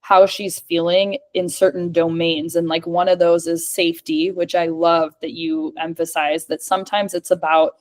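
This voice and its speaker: A speech-language pathologist and communication coach answers questions in a casual video-call chat. Her voice is on the low side with a flat delivery, moving at normal speed with few pauses. She's chatty and fills her speech with lots of "like."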